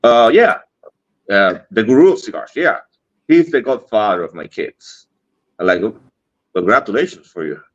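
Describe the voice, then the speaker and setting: A cigar industry guest from the Dominican Republic, with a Dominican Spanish accent, tells a story casually in a lowish, lively voice at normal speed, pausing often. He acts out the dialogue and laughs frequently, heard through dull lo-fi stream audio.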